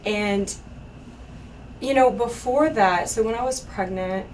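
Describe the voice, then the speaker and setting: A woman's voice: medium pitch, slow, distant mic, slight background noise, low-quality recording. A woman, an instructor, talking earnestly and chattily with fillers as she asks and shares her story. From East Texas. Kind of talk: conversation host sharing a story. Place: bright indoor studio set.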